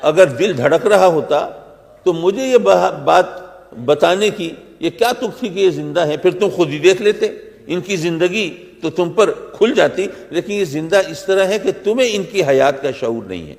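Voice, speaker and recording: A man's voice: high voice, expressive, creaky, a little mellow. A male religious scholar delivering a sermon, building long chains of parallel rhetorical phrases and reciting verses in Arabic. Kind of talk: Urdu religious lecture. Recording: long hall reverb.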